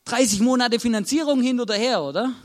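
A man's voice: extremely high pitch, quick pace. A man with an Austrian accent preaching a sermon in a conversational way, checking in with listeners after nearly every sentence. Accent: Austrian German.

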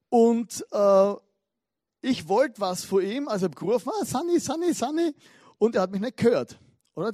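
A man preaching a lively sermon, telling stories and tossing in frequent asides. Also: high voice, no room sound, clean studio sound. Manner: animated storytelling with frequent asides.

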